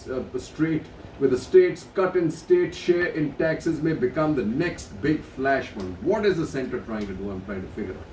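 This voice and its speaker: A middle-aged man runs through the day's headlines in a loose, casual way, tossing in blunt comments of his own. His voice sits a little high and sounds set back from the microphone in an echoey room, with faint ambience behind him. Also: a little mellow, far from the mic, a little hiss or hum. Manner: reads headlines then adds blunt asides; hesitant restarts between headlines. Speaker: news commentator.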